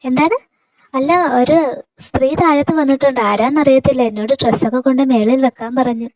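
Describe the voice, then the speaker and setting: A woman voicing a sharp-tongued young wife who talks back indignantly. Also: steady tone, brisk, dry recording, lightly acted. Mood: flustered. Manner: indignant, cheeky, high-pitched.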